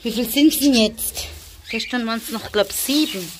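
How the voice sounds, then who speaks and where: A woman's voice: on the high side, measured pace, background noise. A woman filming a casual vlog in a stable, chatting to the viewer and coaxing her animals in a sing-song voice. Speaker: vlogger.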